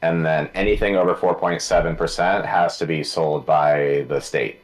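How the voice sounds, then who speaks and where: A man from Colorado talks as a guest brewer, relaxed and explanatory. His voice sits low. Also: moderate pace. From Colorado, USA. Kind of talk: casual chat.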